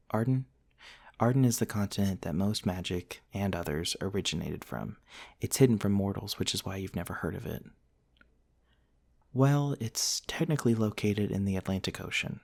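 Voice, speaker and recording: In a hushed, intimate ASMR roleplay, a man voices a centuries-old vampire prince who is gentle and courtly. He sounds tender and hesitant, polite in an old-fashioned way, with a low voice and vocal fry.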